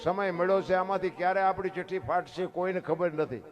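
A man tells devotional folk tales from a stage, his voice sitting high. He talks in a folksy, emphatic way and throws rhetorical questions at the crowd. Plucked string music plays clearly behind him. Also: a little fast. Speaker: folk storyteller. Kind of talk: devotional folk storytelling talk.

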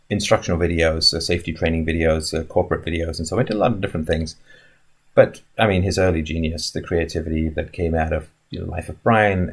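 A man in his fifties speaks in a low voice with a husky edge, musing and rambling as he answers viewer questions. He talks from an indoor room into a webcam, with fillers and restarts breaking up his sentences. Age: 50s. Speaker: live stream host answering chat questions. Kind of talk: casual live stream talk. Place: indoor room in front of a wooden wall.

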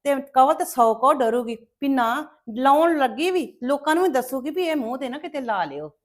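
A woman's voice: a little high, expressive, fairly quick, a little mellow, lightly acted. A woman playing a gloating spiteful schemer. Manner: gloating, taunting. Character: spiteful scheming woman relishing a family's misery. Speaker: scheming relative. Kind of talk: web drama acting.

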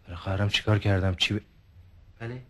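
An actor playing a stiff, overprotective man in therapy who gives defensive, halting answers. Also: lowish voice, fairly even intonation, natural voice. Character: stiff, overprotective man recounting his family. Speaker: patient.

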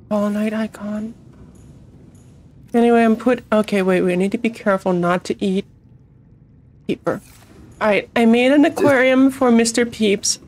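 A woman's voice: mid-range voice, a little mellow. A woman streaming a co-op game in casual, swear-filled chat, her voice thick with phlegm in the morning. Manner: swears a lot, blunt and chatty.

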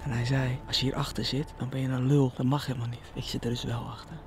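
A man's voice: mid-range voice, level tone, fast talker. A man in his twenties whispering into a handheld camera while hiding outdoors. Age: 20s. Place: outdoors in the dark at night. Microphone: handheld camera at arm's length.

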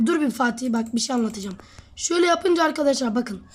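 High-voiced woman chatting over gameplay. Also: lively intonation, fast talker, a little hiss or hum. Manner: chatty, teasing, addresses viewers. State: says she is sick. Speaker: gamer and channel host. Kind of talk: casual gameplay commentary.

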